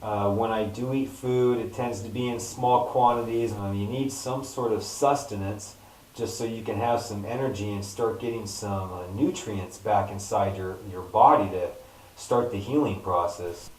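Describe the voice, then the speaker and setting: A man's voice: lowish voice, normal speed, darkish tone, a little hiss or hum. Male vlogger, everyday conversational delivery in broken phrases, echoey distant sound. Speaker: vlogger recounting own surgery recovery. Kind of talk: casual first-person health vlog talk. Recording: roomy echo, distant microphone.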